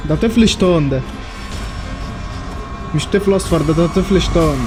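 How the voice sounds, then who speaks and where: Over music, a young man with an Egyptian Arabic accent comments briskly and playfully on his let's play. His voice is a little high, and he answers back to the game's characters.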